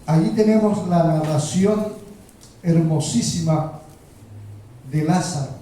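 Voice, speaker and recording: A male pastor delivering a slow, emphatic sermon and asking rhetorical questions of the congregation. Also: high voice, mellow. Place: church sanctuary. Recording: roomy echo, heard from a distance.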